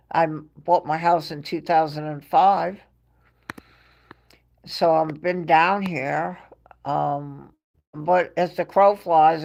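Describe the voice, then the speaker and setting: Speaking low with vocal fry and a darkish tone, this New York-accented woman hosts a livestream. She tells stories to her live chat audience in a chatty, casual way, breaking into laughter between phrases.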